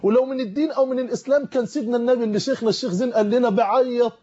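A man's voice: extremely high pitch, fairly even intonation, rapid-fire, warm tone, muffled recording. A man preaching a televised sermon in an Egyptian accent, delivering fervent, urgent warnings to his listeners in a studio. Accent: Egyptian Arabic.

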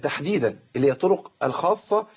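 A man with an Egyptian accent teaching Quran recitation, correcting students and slowly drawing out the recited words. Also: on the high side, animated, husky, dull audio. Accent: Egyptian Arabic. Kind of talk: tajweed lesson with recited examples.

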